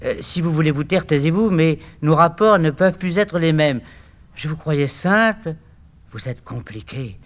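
Brief: high frantic young wife, read by an older man, pleading. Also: expressive, normal speed, close to an everyday voice. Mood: suspicious. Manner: pleading, frantic when crying for help. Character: young wife, frightened, later poisoned.

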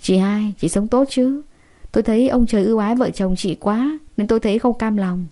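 A woman's voice: mid-range voice, a little fast, mellow, close to an everyday voice. A woman reading the part of a drunk, violent brother-in-law who snarls spiteful threats in a storybook drama. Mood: mocking.

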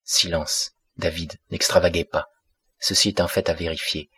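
A man voicing a calm, skeptical older pastor in an audiobook, speaking in a composed, dismissive way. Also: sits low, moderate pace, breathy edge, no room sound, full character voice.

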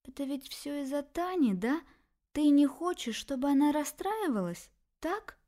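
A woman voicing a shrill, spoiled pregnant young woman who shrieks her accusations. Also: sing-song, unhurried, dark tone. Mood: shrill, furious.

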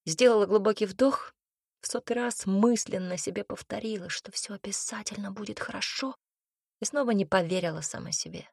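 A woman narrating an audiobook in an even, measured way. Her voice is husky and at a middle pitch. The sound is dry and close. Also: dry recording. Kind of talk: scripted narration.

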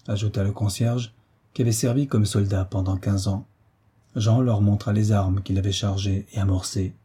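Husky, dark-voiced male narrator. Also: on the low side. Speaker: audiobook narrator. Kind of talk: scripted narration.

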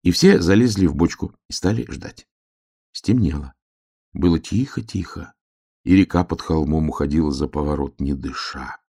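Deep, gravelly storybook narrator, man. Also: moderate pace, dark tone. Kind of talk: storybook reading.

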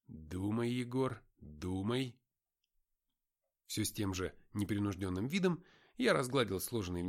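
A man reads an audiobook in the first person, voicing the hero's wry inner monologue. His delivery is expressive, with lively swings in pitch. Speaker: audiobook narrator.

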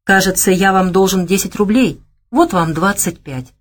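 A woman's voice: mid-range voice, moderate pace, close to an everyday voice. Woman reading a sincere young man with lost memory. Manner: simple, earnest, hesitant.

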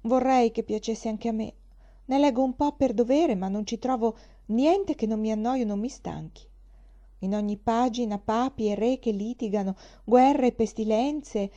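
A woman's voice: medium pitch, warm tone, lo-fi sound, natural voice. A woman reading the part of a naive young woman who talks with earnest enthusiasm.

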